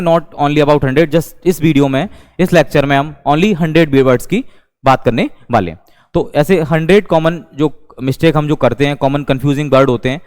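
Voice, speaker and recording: A man's voice: on the high side, a little mellow, clean tone, big-room sound. A man with an Indian accent teaching English vocabulary in a lecture, repeating terms as he explains. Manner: repeats words, mixes Hindi and English.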